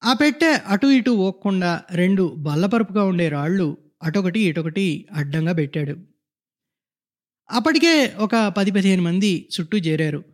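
A man reading a short story aloud in a measured, descriptive narration. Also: sits high, expressive.

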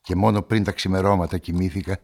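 In a steady tone, a deep-voiced male narrator sounds brooding and subdued as he tells a murder story as a solitary newspaperman. It's literary first-person narration from the protagonist of a radio drama.

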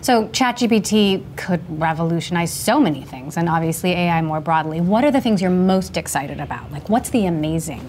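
Low-voiced woman interviewer. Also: lively intonation, fairly quick, hardly any pauses, darkish tone, slight background noise. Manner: curious, conversational questioning. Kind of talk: interview questions.

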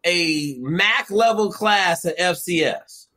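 Animated, profane storytelling man. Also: high voice, slow pace. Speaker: guest; football coach. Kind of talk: casual storytelling.

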